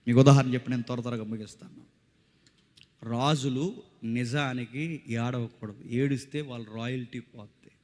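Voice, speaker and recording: A man preaching a village revival sermon, swinging between loud preaching and hushed tones, repeating phrases and questioning the crowd. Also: medium pitch, steady tone, moderate pace, in a large hall. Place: outdoor village meeting stage.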